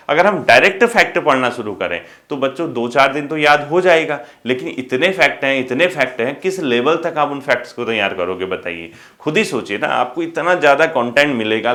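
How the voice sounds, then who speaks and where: A man's voice: mid-range voice, sharp tone. A male coaching teacher, giving casual exam advice to students and asking them rhetorical questions. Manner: addresses students as kids, frequent rhetorical questions.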